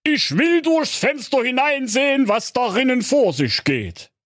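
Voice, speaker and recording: A man's voice: very high voice, very animated, unhurried, a bit bright, no room sound, clean studio sound, voice pushed up, full character voice. A man voicing a male donkey who turns out to be a zebra, bossy and then earnestly preachy. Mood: curious.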